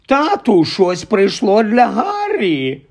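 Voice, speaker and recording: A man voicing a spoiled, demanding boy in an audiobook, whiny and loud. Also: sits high, very animated, slow, voice pushed up, heavily acted. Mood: excited. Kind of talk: audiobook character voice.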